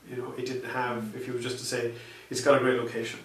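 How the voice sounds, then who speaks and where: This interviewee, a software researcher, has a mid-range, slightly bright male voice that stays monotone and moves at a quick pace. He answers in a hesitant, conversational way, restarting often and using many fillers. The audio is echoey, with a distant mic and faint noise.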